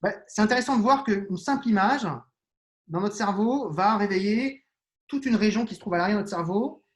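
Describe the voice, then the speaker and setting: A man with a high-sitting voice talks at a normal speed as a neuroscience guest in an interview. He is an adult with children and explains patiently, often restarting and hesitating.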